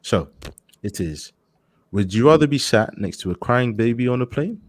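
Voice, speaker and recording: A young British man hosting a casual podcast chat, excitable, laughing and swearing. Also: mid-range voice, normal speed, dry recording. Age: young adult. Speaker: podcast host.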